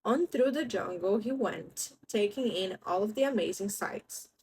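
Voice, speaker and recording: A woman's voice: mid-range voice, expressive, unhurried, darkish tone, a little hiss or hum, low-quality recording. A young woman reading a children's story aloud, chatty and gushing between pages. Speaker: storybook reader.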